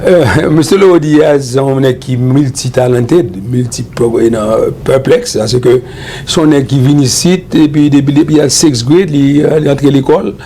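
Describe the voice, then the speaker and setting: A man's voice: mid-range voice, normal speed, hardly any pauses, mellow, a little hiss or hum. A man hosting a talk show interview, friendly, switching between English and French and backing his guest with many mm-hmms.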